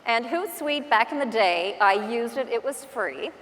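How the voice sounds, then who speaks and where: Animated and moderately paced, a woman with a slightly bright voice on the high side and a Newfoundland accent tells stories with acted-out asides in an informal, self-deprecating motivational talk. She's a real estate agent speaking at a conference, and long reverb from the large indoor hall's stage colors the recording.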